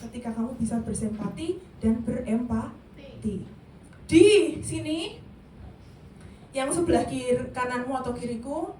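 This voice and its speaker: A woman's voice: high-pitched, far from the mic. A woman giving an interactive youth sermon, questioning her listeners directly and mixing in English. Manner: lively, questions the audience directly. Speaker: youth service speaker. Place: church meeting room. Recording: echoey room, voice from afar, faint hiss.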